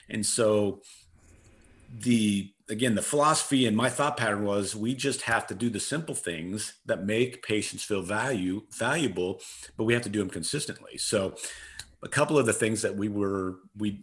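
A middle-aged man answering interview questions as a guest, earnest and emphatic, repeating his key phrases. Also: lowish voice. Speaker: interview guest, customer service consultant.

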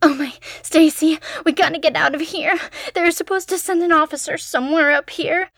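A woman's voice: very high voice, very animated, slow pace, a bit bright, voice pushed up, heavily acted. A woman voicing a panicked young woman who calls for help while a monster hunts her. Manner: panicked, pleading. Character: terrified young woman caller fleeing a monster.

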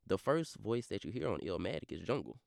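A young man from Baton Rouge with a Louisiana accent, talking fast in a slurred drawl full of fillers as an interview guest. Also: fairly low pitch, very animated, creaky, no echo, clean studio sound. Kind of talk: casual interview talk.

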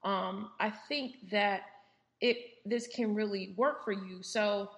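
A woman talks through her solo podcast in a candid, conversational way, full of fillers and little asides. Her voice sits at a middle pitch and carries the ring of a roomy, echoing space. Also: fairly even intonation, slow. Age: 30s. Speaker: podcast host. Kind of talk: casual solo podcast monologue. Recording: roomy echo.

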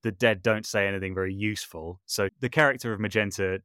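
In a clean, dry studio recording with no room sound, a voice artist and audio drama maker guests on a podcast, casually explaining things in conversation. His voice is fairly low, steady, fast, and sharp, with a clear, resonant tone.

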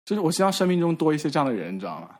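A man on a podcast, casually telling a story in halting repeats and acting out the quoted dialogue. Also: fairly high pitch, very animated, darkish tone. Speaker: podcast regular. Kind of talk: casual chat.

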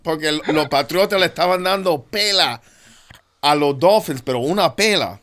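A man in a casual sports chat, telling a lively anecdote in a laughing manner. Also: fairly high pitch, normal speed.

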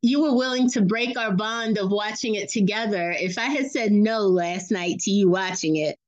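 A woman's voice: medium pitch, moderate pace, highs cut off. A woman chatting casually as a podcast guest, laughing often and acting out quotes in a raised voice. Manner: animated, laughing storyteller who acts out quotes in a raised voice. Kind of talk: casual family chat.

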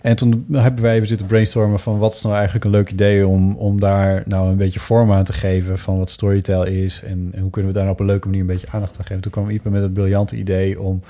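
A man hosting a casual podcast, talking in a halting way with lots of fillers and restarts. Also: fairly low pitch, level tone, dark tone. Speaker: podcast host. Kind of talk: casual chat.

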